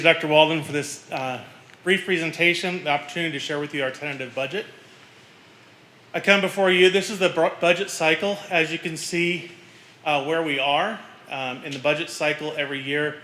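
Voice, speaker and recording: A man walks a board through a budget at a steady, explaining pace. His voice is fairly high and bright. The echoey meeting room comes through clearly. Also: slight background noise. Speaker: college finance officer presenting budget. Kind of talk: budget presentation.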